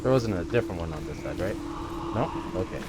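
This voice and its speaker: Low-pitched and animated, this man speaks fairly quickly while doing casual let's play commentary, muttering short, musing remarks to himself as he plays. Background noise and game ambience are clearly audible.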